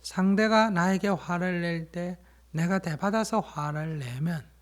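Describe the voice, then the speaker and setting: A man, a Buddhist monk, giving a dharma talk that explains and tells stories, sometimes asking his listeners questions and dropping to a soft, whispery emphasis. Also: high-pitched, unhurried. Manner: plain explanatory storytelling, asks listeners questions.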